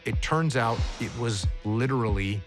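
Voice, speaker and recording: A man giving a motivational leadership talk, speaking emphatically, swinging between sharp high rises and low, quiet drops. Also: normal speed, over music.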